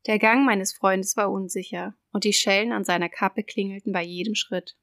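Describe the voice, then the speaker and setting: Give me a woman reading a dark story aloud, measured and cold, with a dry studio sound. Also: medium pitch, fairly even intonation, no room sound. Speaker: audiobook reader. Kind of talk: scripted narration of a dark tale.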